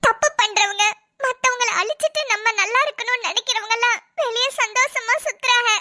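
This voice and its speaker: A woman voicing a very high tearful pleading girl. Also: brisk, bright, forceful tone. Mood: bitter. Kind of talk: cartoon voice acting.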